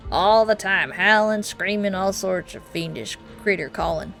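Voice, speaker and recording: A woman's voice: mid-range voice, unhurried, creaky, a bit bright. A folksy old mine worker, played by a woman, drawls in rural Southern dialect. He is blunt and superstitious, a video game character, and music plays underneath. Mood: spooked.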